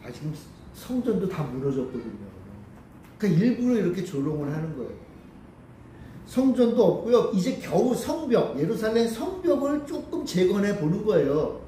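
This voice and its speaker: A male pastor delivers a sermon in a slightly high voice, posing rhetorical questions and repeating his points. The sound is roomy, with the mic some way off and a faint hiss behind. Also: big pitch swings, normal speed, dark tone, distant mic. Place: church sanctuary.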